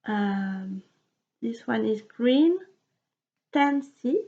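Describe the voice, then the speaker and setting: Her voice is fairly high and lively in intonation as she, a knitting podcaster from France and native French speaker with a French accent, talks casually about her projects. The dull, lo-fi recording catches her halting speech, repeated words as she looks for terms, and quiet laughter.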